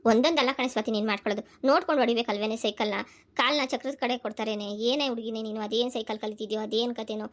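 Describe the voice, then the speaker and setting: A woman voicing a worried, sharp-tongued mother in a cartoon, scolding and nagging. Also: on the high side, steady tone, very fast, natural voice. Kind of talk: cartoon voice acting.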